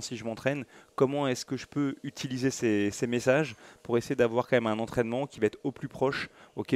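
A man's voice: mid-range voice, darkish tone. A man with a French accent co-hosting a casual fitness podcast, joking and rambling as he talks. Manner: joking, rambling, self-mocking. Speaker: podcast co-host.

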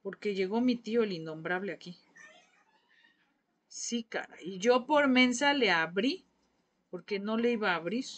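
A woman's voice: medium pitch, lively intonation, moderate pace, pauses often. Chatty Mexican woman teaching a craft class. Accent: Mexican Spanish. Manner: chatty, gossipy, coaxing viewers to talk. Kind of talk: live painting class chat.

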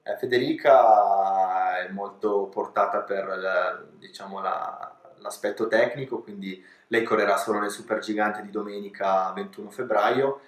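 Brief: young man, low and level delivery, measured answers in an echoey office. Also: steady tone. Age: young adult. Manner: measured, informative, with short hesitations. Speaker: ski resort president and race director. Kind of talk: calm seated interview answers. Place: office with pennants and souvenirs on the wall, indoors. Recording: roomy office echo.

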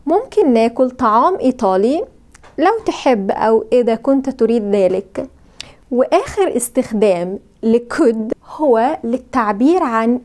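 Lively Egyptian woman teaching English grammar. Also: a little high. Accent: Egyptian Arabic. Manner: slow, drawn-out model sentences for repeating; lively, sing-song teaching intonation. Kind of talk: grammar lesson.

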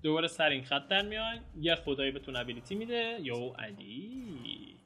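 Young guy streaming a game, bright voice all over the place, yelps and groans a lot. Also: on the high side. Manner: excitable, shouts and groans at the game. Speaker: gameplay streamer. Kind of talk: casual gameplay commentary. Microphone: home mic with some noise.

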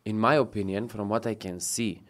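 A man in his thirties hosts a relaxed studio podcast with a lower voice. He talks with an upbeat energy, laughs easily and makes small grammar slips. He is recorded close on a desk boom mic. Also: brisk. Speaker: podcast host. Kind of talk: casual interview chat. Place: studio set with blue walls and a wooden table. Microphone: desk podcast mic on boom arm.

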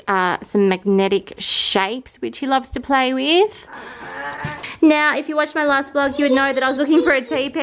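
Young Australian woman, high voice, chatty family vlogger with lots of ums, bedroom home tour. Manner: chatty, friendly, with frequent ums and trailing asides. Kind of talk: casual home tour vlog.

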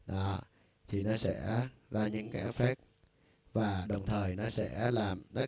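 Low gravelly man explaining a demo. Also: steady tone, measured pace, darkish tone, dry recording. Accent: Vietnamese. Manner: loose and conversational, with frequent filler words. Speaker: music store product demonstrator. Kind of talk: casual instructional demo.

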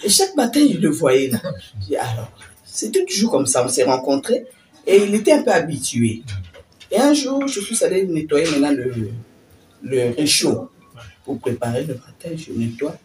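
An older woman telling a personal faith story in an animated way, dropping to whispers and laughing as she talks. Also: sits low, normal speed, recorded from a distance, a little hiss or hum. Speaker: testimony speaker.

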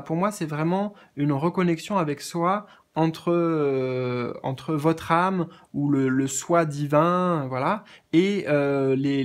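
A man with a slightly high voice gives a spiritual card reading to his viewers. He speaks gently and hesitantly, filling his pauses and repeating words as he searches for them. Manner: gentle, addresses viewers as friends. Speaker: tarot card reader.

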